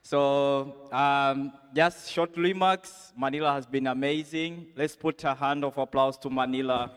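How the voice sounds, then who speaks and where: A man hosts a conference session at an unhurried pace, his voice smooth and clear. He keeps things loose, with fillers and questions to the crowd. The sound rings with the long reverb of a large hall. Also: mid-range voice. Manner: relaxed, filler-heavy, audience-prompting. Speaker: session moderator.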